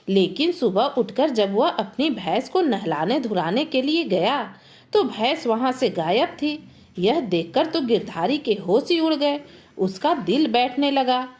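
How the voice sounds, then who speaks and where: A woman narrating a village folk tale in an expressive storytelling manner. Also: fairly high pitch.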